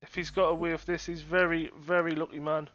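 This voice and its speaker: A man's voice: on the high side, little pitch movement, a little fast, fairly bright tone, dry recording. A man co-commentating live on snooker in a conversational way, often giving his own verdicts, on a dull lo-fi recording. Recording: dull, lo-fi microphone sound.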